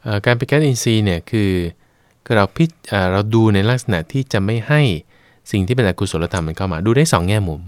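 Buddhist monk guy teaching on radio, lowish voice, dry studio mic. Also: expressive, quick pace, clear, resonant tone, no room sound. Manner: explanatory, plain-spoken, uses homely examples. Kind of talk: Dharma teaching in conversation.

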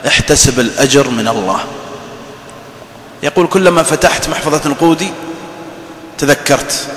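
A man preaching a mosque sermon, telling lively everyday stories and acting out the people he quotes. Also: mid-range voice, a little hiss or hum. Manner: lively storytelling with mimicked quotes. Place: mosque hall. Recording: roomy reverberant hall, faint ambience.

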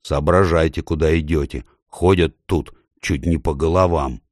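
A man's voice: very deep voice, fairly even intonation, moderate pace, no room sound, studio quality. A man voicing a rude, suspicious male dwarf who growls and snaps. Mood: grumbling. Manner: growling, snapping.

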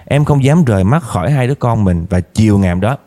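A man's voice: fairly low pitch, lively intonation, fast, warm tone. A man narrating a dramatic true story in the first person, talking directly to his listeners with emotion.

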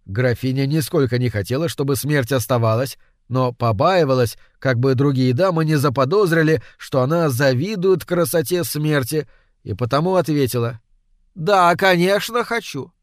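A man narrating a story aloud in a calm, measured storytelling way. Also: medium pitch, no echo, clean studio sound.

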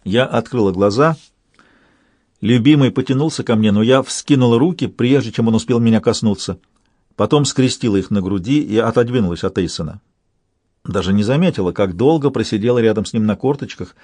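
Мужчина-чтец аудиокниги, ровная речь. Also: male voice, on the low side, fairly quick, darkish tone, no echo. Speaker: audiobook narrator. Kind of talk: audiobook reading.

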